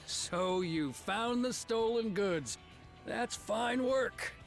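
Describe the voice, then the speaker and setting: A man plays a smug lawman villain from a Western game story. The voice is gravelly and unhurried, swinging up and down in pitch. Faint music plays behind. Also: lively intonation, heavily acted. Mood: feigned praise.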